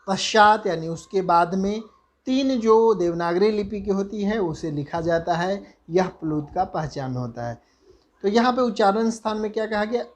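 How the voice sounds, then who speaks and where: Male university lecturer, unhurried and deliberate, poses questions to the class and chants sutras slowly. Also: high-pitched. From India. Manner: slow, deliberate, chants sutras with drawn-out syllables; asks himself questions and then answers them. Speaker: Sanskrit grammar lecturer.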